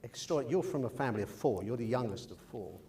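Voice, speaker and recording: A man's voice: medium pitch, animated, fast talker, a loud crowd. A man hosting an interview, chatty and joking, asking his guest about his family and upbringing. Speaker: host. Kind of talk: casual interview.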